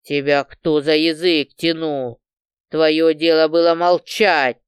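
A furious, crude male gangster snarls threats and insults, as a woman narrator puts him on. The voice is dropped lower and pushed loud. The reading is smooth, clear and dry. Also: measured pace, dry recording. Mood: angry threats. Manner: snarling, swearing.

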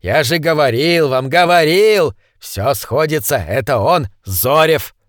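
A man voicing an excitable man who insists loudly. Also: on the high side, slow pace, no room sound, clean studio sound. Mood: excited. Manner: loud, insistent. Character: excitable man shouting accusations.

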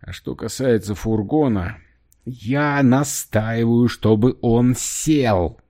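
A male audiobook reader voicing an irritable fighter who shouts hysterically. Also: medium pitch, takes it slowly, voice pushed up. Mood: irritated. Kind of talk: audiobook character voice.

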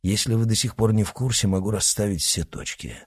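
A man's voice: lowish voice, fairly quick, a little mellow, husky. A man voicing a cold, curt and mocking male henchman in an audiobook. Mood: cold, menacing.

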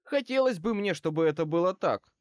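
A man's voice: high-pitched, a little fast, no echo, clean studio sound, pitched above the performer's own voice. Man voicing a wry wizard detective. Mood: wry, cool. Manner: wry, calmly threatening. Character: male wizard private eye, dry and wry.

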